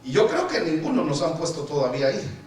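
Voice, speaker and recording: High-voiced man preaching in an echoey hall. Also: sing-song, quick pace, darkish tone, slight background noise. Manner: addresses listeners as brother, acts out complainers. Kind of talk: sermon. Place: church hall. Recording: echoey church hall from far off.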